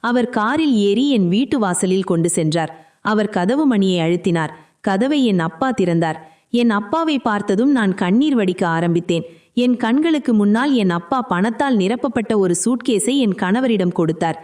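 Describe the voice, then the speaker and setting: A woman telling a dramatic story in the first person as scripted narration, in a steady, even storytelling manner. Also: mid-range voice, moderate pace.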